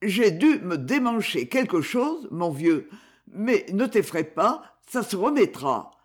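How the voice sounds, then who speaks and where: A man reading a storybook, voicing an injured, uncomplaining young miner who speaks in breathless, halting reassurance. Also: high-pitched, sing-song, slightly rough, heavily acted. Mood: pained.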